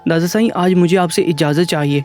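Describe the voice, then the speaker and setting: A man's voice: a little high, faint music behind, lightly acted. A man reading the lines of a cheerful, eager young grandson speaking to his grandfather. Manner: excited, eager.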